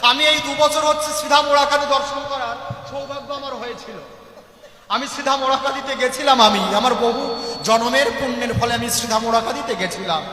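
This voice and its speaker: A man's voice: very high-pitched, bright, forceful tone. A young man preaching a devotional sermon, telling stories with passion and calling out to his listeners as mother. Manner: impassioned, addresses listeners as mother. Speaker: Matua preacher. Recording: echoey hall.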